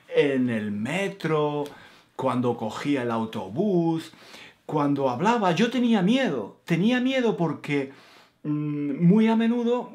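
A man's voice: fairly high pitch, darkish tone. A man in his fifties from Granada with an Andalusian accent, telling a personal story as a Spanish teacher, repeating phrases for emphasis. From Granada, Spain. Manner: slow, repetitive, emphatic, with frequent fillers. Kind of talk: storytelling lesson for learners.

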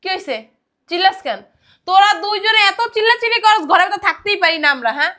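An actress playing a middle-aged mother who scolds her family with quick retorts. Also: extremely high pitch, animated, pushed and bright, heavily acted. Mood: scolding. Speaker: mother-in-law.

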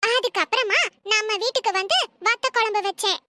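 A woman's voice: very high voice, normal speed, noisy background. A woman voicing a sly, cheeky young daughter-in-law in a cartoon. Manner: sly, mocking.

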